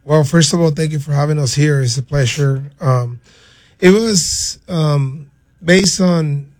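A middle-aged man from Venezuela, answering interview questions haltingly and earnestly as a player's father. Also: on the high side, a little mellow. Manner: halting, repeats words, earnest.

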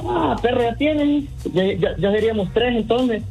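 A man answering a prank phone call with deadpan, evasive wisecracks. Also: very high-pitched, moderate pace, vocal fry, faint music behind. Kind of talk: phone conversation.

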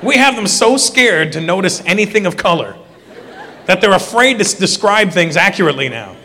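A male stand-up comedian performing on a club stage, animated and switching into quick character voices. His voice sits high, and the recording carries a long hall reverb with faint background noise. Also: some chatter behind. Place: comedy club stage before a live audience.

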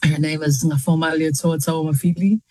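A New Zealand journalist in her thirties chats as a talk-show guest, laughing often and filling her speech with fillers and restarts. Her low voice has little pitch movement, a normal speed, and a slightly mellow quality, recorded in studio quality with no room sound.

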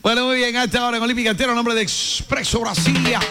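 High-pitched coastal radio host. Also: male voice, fairly even intonation, fast. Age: 40s. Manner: playful, teasing, sing-song ad delivery. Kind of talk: joking radio chat and live ad reads. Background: loud music bed.

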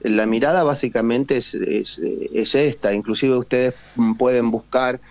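Calling in to a radio show, this Argentine war veteran and writer chats casually in a phone interview, hesitating often and leaning on fillers and tag questions. He has a mid-range, steady voice and an unhurried pace. The recording is dry and lo-fi.

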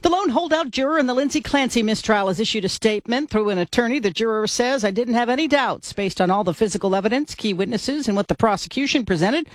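A woman anchoring a network radio newscast in a crisp, measured delivery. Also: fairly high pitch, expressive, no echo. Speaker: news anchor.

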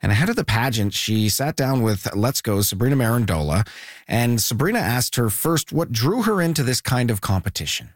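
A man hosting a news show, mixing relaxed banter with read introductions. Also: mid-range voice, normal speed, no room sound, studio quality. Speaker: radio news host. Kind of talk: news presenting with casual banter.

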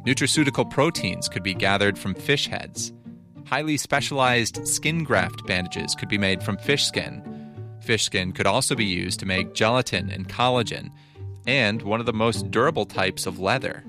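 A man's voice: lowish voice, moderate pace, music in the background. A man narrating a scripted news feature in a conversational, explanatory way. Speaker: reporter narrating.

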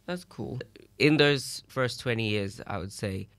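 Gravelly low-voiced male interviewer. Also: unhurried, fairly bright tone, no room sound. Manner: curious, encouraging, asks long questions. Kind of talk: interview questions.

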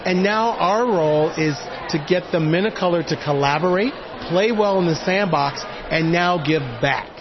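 A man's voice: high voice, normal speed, hardly any pauses, lo-fi sound, crowd noise. A man who founded a community project answers interview questions in an earnest, emphatic way.

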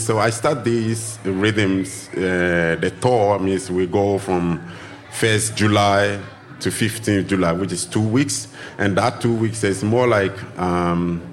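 A man from Ghana, a drumming teacher, talking casually as a guest in an interview at a festival broadcast, animated and acting out greetings. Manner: animated, acts out greetings in a high voice. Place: outdoor festival live broadcast.

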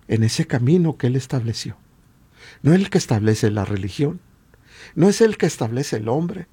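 This husky-voiced man, whose accent is Latin American Spanish, gives an informal sermon of exhortation, emphatic and full of repeated rhetorical questions. His voice sits in the mid-range with a warm tone.

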